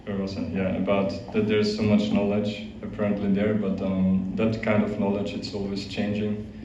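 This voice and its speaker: A young Austrian monk, there as a guest speaker, talks to a youth group in an informal, hesitant way, repeatedly restarting and leaning on fillers, with an Austrian accent. His lowish voice is monotone at normal speed, with background noise present. The recording, made in a large echoey hall, sounds distant and dull.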